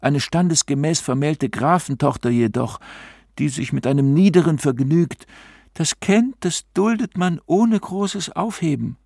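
Give me a torn, pleading young noblewoman from an old-fashioned audiobook tale, as a male narrator voices her, with a lifted, gravelly tone. The recording is dry and close. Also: on the high side, unhurried, a little mellow, no room sound, voice pushed up. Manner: pleading, earnest, raised tone. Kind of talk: audiobook character reading.

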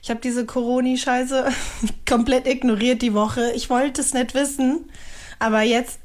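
Woman, thirties, casual chat, fairly high-pitched, laughs while talking. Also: fairly even intonation, measured pace, a little mellow.

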